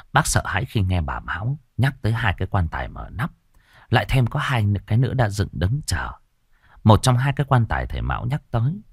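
Deep-voiced man telling a ghost story. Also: breathy edge, no echo, clean studio sound. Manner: expressive storytelling. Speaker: narrator.

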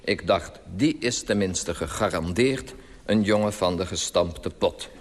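A man's voice: deep voice, unhurried, big-room sound, noisy background. Wry man with a mocking monologue. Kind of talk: satirical comic monologue.

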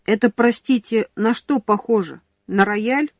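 A woman's voice: fairly high pitch, measured pace, no room sound, clean studio sound. A woman doing a nosy young policeman. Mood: curious. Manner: polite, inquisitive questioning. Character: curious young male riot policeman, politely pestering.

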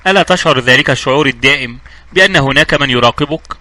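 Male narrator voicing a frightened young woman, anxious and wary, bright brisk audiobook voice. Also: medium pitch. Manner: anxious, pleading. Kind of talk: audiobook dialogue reading.

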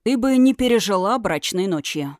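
A woman voicing a fire dragon in a man's form, speaking low, quiet and measured. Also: lively intonation, no room sound, clean studio sound, natural voice. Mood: calm.

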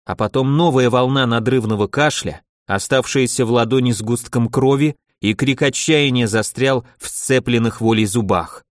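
A man reads a fantasy novel aloud as audiobook narration, lifting his pitch for the characters' lines. His voice sits at an ordinary middle pitch. The recording is dry and close, with no room sound. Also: moderate pace, hardly any pauses, dry recording.

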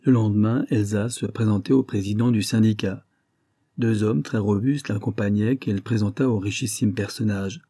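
Husky low-voiced man reading a story. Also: steady tone, warm tone, no echo, clean studio sound. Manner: measured, dramatic storytelling. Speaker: audiobook reader. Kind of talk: scripted narration.

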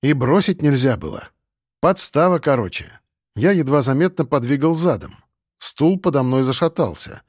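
A man's voice: medium pitch, animated, moderate pace, darkish tone, no room sound, studio quality. A man narrating a crime novel in the first person, wry and slangy. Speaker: audiobook narrator.

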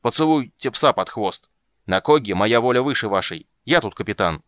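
A man voicing a stubborn, gruff sea captain who talks back defiantly. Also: mid-range voice, expressive, normal speed, fairly bright tone, no room sound, clean studio sound, pitched above the performer's own voice, close to an everyday voice.

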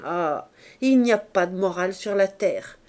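Bitter young drunk in an audiobook, read by a woman: declamatory, mellow tone, unhurried. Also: medium pitch, expressive, natural voice. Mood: bitter rant. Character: cynical drunken young man, gloomy wit. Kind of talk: audiobook character reading.

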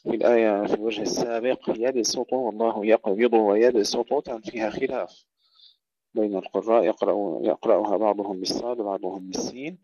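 Man, tajweed teacher, slow recited phrases then calm explanation, dark mellow voice, dry dull recording. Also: on the low side, no echo.

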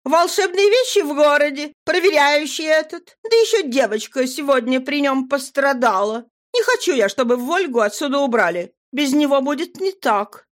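A blunt teenage sorceress, put on by a woman reading an audiobook, her voice pitched high above the narration and noticeably louder. She talks fast and insistently, matter-of-fact, with a lively, bouncing melody.

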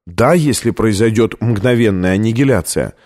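A man's voice: on the low side, normal speed, darkish tone, close to an everyday voice. Man reading as a firm young woman scientist.

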